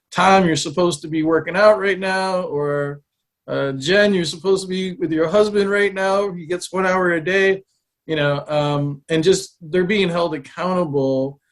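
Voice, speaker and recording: A man in his forties, a business mentor, talking as a guest in an energetic, uneven-paced way. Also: on the high side, rough recording. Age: 40s. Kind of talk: interview guest, explaining.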